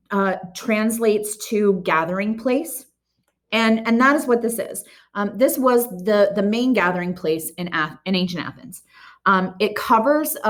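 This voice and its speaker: A woman teacher giving a recorded art history lecture in a casual way, with many ums and restarts. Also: mid-range voice. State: has the hiccups.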